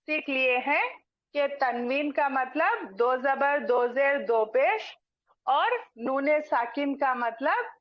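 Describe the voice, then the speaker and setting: Slow, high-voiced woman teaching recitation. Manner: drills syllables slowly, repeating each twice. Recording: dull lo-fi sound.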